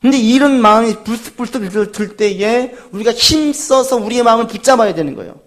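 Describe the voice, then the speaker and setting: A man's voice: extremely high pitch, a little fast, a bit bright. A man preaching a sermon as pastor, earnest and full of rhetorical questions.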